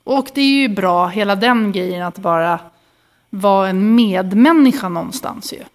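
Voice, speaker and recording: A woman talking casually in a podcast, relaxed and conversational. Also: mid-range voice. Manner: relaxed, conversational, lots of short agreeing replies. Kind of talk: casual chat.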